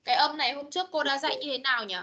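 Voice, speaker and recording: A woman teaching English online, modeling words slowly and correcting students patiently. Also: sits high, steady tone, highs cut off, crowd noise. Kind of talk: online class pronunciation drill. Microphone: computer mic on video call.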